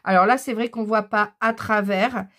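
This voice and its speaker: A woman's voice: mid-range voice, fairly even intonation, moderate pace, fairly bright tone, soft background music. A woman chatting casually through a craft-supply haul, enthusiastic and full of hesitant fillers. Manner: enthusiastic about craft items. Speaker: scrapbooking vlogger. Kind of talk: casual haul chat, showing purchases.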